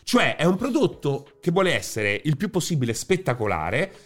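A man co-hosting a casual chat, joking and animated in banter. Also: on the high side, normal speed, a loud crowd. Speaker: co-host.

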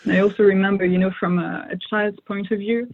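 A young woman, a native French speaker, talks fast with medium pitch and fairly even intonation while answering interview questions as a guest. She is thoughtful yet full of fillers and restarts, and the sound is narrow, as if over a phone.

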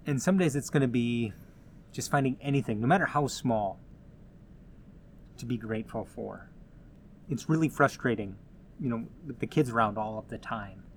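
A man's voice: medium pitch, normal speed, pauses often, slight background noise. Earnest, encouraging male host. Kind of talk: casual motivational talk.

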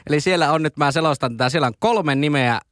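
A man's voice: on the high side, a bit bright, dry recording, studio quality. A man hosting a podcast, chatting casually, laughing often and announcing things playfully. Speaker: podcast host. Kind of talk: casual chat.

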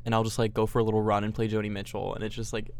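A young man co-hosting a podcast in casual chat, easygoing and quick to react and laugh. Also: lowish voice, completely flat delivery, over a noisy crowd. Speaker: co-host. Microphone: studio microphone.

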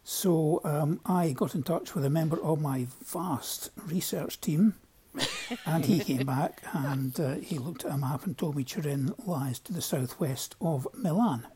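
A man with a broad Scottish accent telling anecdotes in a casual, droll voice memo, with a husky voice. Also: fairly high pitch, lively intonation, unhurried, hardly any pauses, mellow. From Scotland. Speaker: listener sending in a voice memo. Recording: home voice memo.

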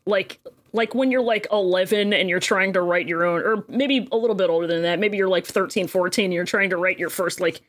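A young woman co-hosting a podcast, talking bluntly and swearing casually while discussing a film. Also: medium pitch. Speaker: podcast co-host. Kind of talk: casual movie review chat.

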